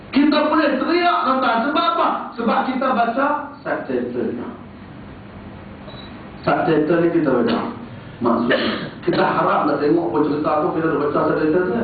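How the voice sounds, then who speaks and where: A man with a Malaysian Malay accent preaching a sermon, animated, swinging between high exclamations and low asides. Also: a little hiss or hum. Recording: tinny, far-off, echoey hall recording.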